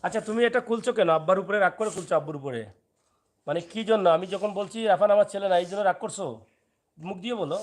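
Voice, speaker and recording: A father films a casual family vlog in a fairly high voice for a man. He switches between gently coaxing and teasing his little boy and chatting with his viewers. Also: rapid-fire. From Sylhet, Bangladesh.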